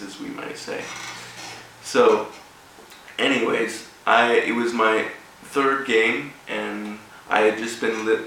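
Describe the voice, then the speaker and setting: Speaking to an audience at a rugby club event, a man with a fairly low, gravelly and a bit bright voice shares a personal story as an informal motivational speech. His delivery is halting and broken, captured from afar in an echoey room with faint noise.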